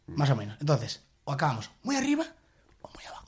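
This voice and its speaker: Playful male co-host, very lively melodic delivery. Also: fairly high pitch, quick pace. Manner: animated, playful, mimics sounds. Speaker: podcast co-host presenting his section. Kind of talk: casual banter.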